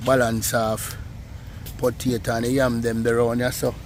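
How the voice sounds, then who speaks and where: A man with a Jamaican accent hosting an outdoor cooking vlog, chatting in relaxed patois and teasing playfully. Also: medium pitch, normal speed, background noise. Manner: laid-back patois banter, playful teasing. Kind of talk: casual outdoor cooking chat. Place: outdoors beside an open cooking fire.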